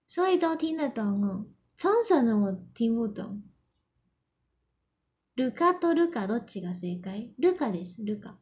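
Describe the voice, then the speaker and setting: Young woman, Japanese native, high voice, livestream chat, giggly, slow and easy. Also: sing-song, darkish tone. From Yamanashi, Japan. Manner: mixes Mandarin and Japanese, giggly, reads viewer comments aloud. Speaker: idol livestream host.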